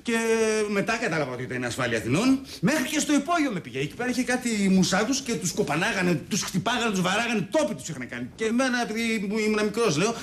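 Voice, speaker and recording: An actor playing a chatty, animated man in a television drama. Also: high voice, hardly any pauses, echoey room, a little hiss or hum.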